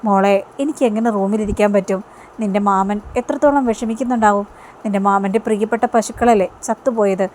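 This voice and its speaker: A woman's voice: medium pitch, fairly quick, darkish tone, slight background noise, close to an everyday voice. A woman voicing a sly villain who feigns injury and sorrow in a TV-serial retelling. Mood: evasive. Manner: evasive, falsely sorrowful.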